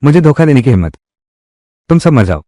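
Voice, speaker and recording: A man's voice: mid-range voice, sing-song, fairly quick, dark tone, no echo. A man dubbing all the roles of a drama, with heated, quarrelsome delivery.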